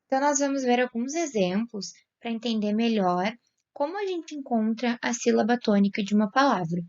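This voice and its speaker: A woman's voice: fairly high pitch, expressive, moderate pace, highs cut off. A woman teacher with a Brazilian Portuguese accent, patiently explaining a grammar lesson and stretching out example words. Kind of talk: classroom explanation.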